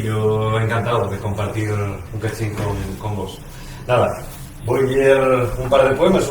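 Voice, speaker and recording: A man's voice: fairly low pitch, noisy background. A man, chatting casually and then reading poems at a bookshop recital. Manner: relaxed, chatty, hesitant between poems. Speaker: poet reading his work. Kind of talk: casual intro and poetry reading. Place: bookshop event room. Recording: echoey room, distant mic.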